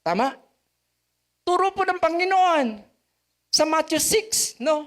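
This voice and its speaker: A man's voice: very high voice, expressive, slow, fairly bright tone. A man with a Filipino accent preaching a sermon as pastor, asking rhetorical questions and leaning on words for emphasis.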